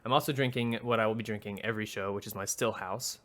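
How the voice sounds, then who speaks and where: A man's voice: lowish voice, fairly even intonation, quick pace, fairly bright tone. A man co-hosting a laid-back podcast, chatting about his drinks in a loose, rambling way. He jokes and teases his friends as he goes. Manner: joking, teasing, rambling. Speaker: podcast co-host. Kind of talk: casual chat.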